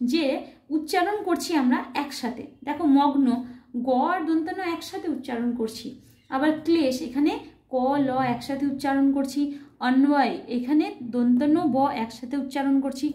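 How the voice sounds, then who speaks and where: A woman's voice: sits high, dark tone, echoey room. A woman teaching a recorded grammar lesson, patiently spelling words out letter by letter and checking understanding with short questions. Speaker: Sanskrit teacher.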